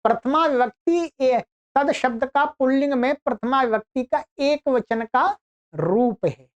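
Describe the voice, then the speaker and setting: A woman teaching Sanskrit grammar online, explaining patiently step by step and drawing out example words slowly. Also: high voice, animated. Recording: dull lo-fi recording.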